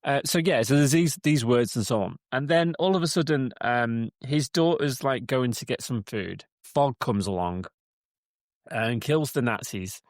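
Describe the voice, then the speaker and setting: A man's voice: medium pitch, unhurried, no echo, clean studio sound. A man co-hosting a casual podcast from a cabin in the woods, retelling a film plot with many restarts. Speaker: podcast co-host. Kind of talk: casual chat.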